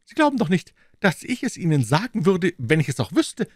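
A man voicing an angry, frightened male gangster held captive, with a shrill and scornful delivery. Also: animated, a little fast, gravelly, a bit bright, no echo, clean studio sound, exaggerated voice.

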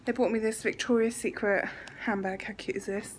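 A young woman talking into her phone camera in a relaxed travel vlog. Her voice sits at an ordinary middle pitch and drops now and then into breathy, half-whispered asides. Faint noise hums behind her. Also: a little fast, low-quality recording. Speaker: vlogger.

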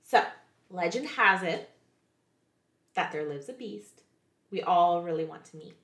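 A woman's voice: on the low side, expressive, a little slow, fairly bright tone, reverberant. A woman, a children's librarian, reading picture books aloud to young kids in a playful way, often asking them questions.

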